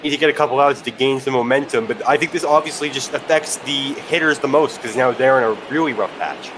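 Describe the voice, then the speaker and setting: A man's voice: mid-range voice, fast, noisy background. A man working as a color commentator, giving conversational live baseball analysis.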